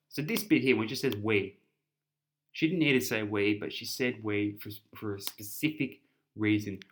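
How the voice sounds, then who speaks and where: Young Australian man, low voice. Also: fairly bright tone, slight background noise. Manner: chatty, repeats and restarts words, offhand asides. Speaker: essay tutor. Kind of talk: casual explanatory walkthrough.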